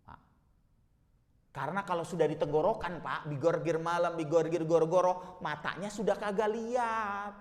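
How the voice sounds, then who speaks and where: A male Islamic preacher delivering an emotional sermon, swinging from soft murmurs to loud exhortation. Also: fairly high pitch, normal speed, long reverb tail.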